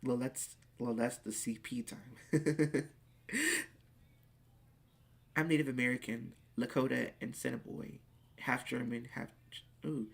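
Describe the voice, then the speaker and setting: Gravelly, husky-voiced late-teen streamer. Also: mid-range voice, measured pace, long pauses. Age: late teens. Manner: chatty, reads questions aloud then answers, excitable bursts. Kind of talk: casual live chat.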